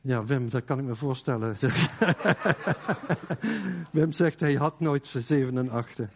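A man preaching a sermon in a loose, conversational way, with many fillers and quoted lines that drop to a hush. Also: medium pitch, animated, slow pace, gravelly. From Netherlands.

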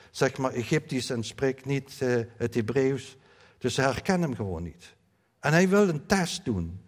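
A middle-aged man, a pastor giving a sermon, talking to his congregation in a direct, conversational way. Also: mid-range voice. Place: church. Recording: long hall reverb.

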